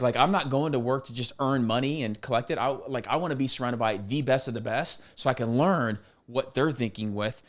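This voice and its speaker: A man in his forties talking casually as a podcast guest, emphatic, often repeating words as he goes. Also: mid-range voice. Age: 40s. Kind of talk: casual conversational interview.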